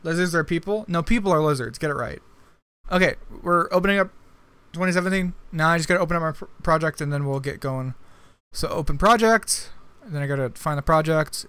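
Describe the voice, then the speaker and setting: A man's voice: on the high side, pushed and bright, clear, resonant tone, no room sound. A young man streaming live, chatting casually and answering viewer comments while he works on a video edit.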